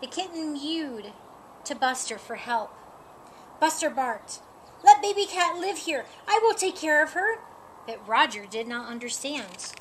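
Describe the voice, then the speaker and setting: Outdoors in a sunny yard, a middle-aged woman reads a children's picture book aloud, slowly and with energy, raising her voice for the animal characters. She has a high voice. A camera a few feet off picks up slight background noise.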